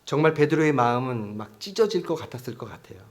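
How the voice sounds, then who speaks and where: A man's voice: medium pitch, lively intonation, fast. A male pastor preaching a sermon in a church, talking conversationally, often asking the congregation questions and acting out quotes.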